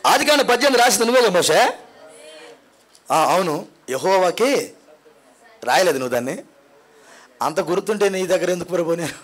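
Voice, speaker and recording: A male pastor preaching a Sunday sermon in a church prayer hall. He tells stories dramatically, dropping to hushed asides and climbing to loud repeated cries. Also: high-pitched, lively intonation, a little fast, long pauses. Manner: repeats phrases in climbing builds.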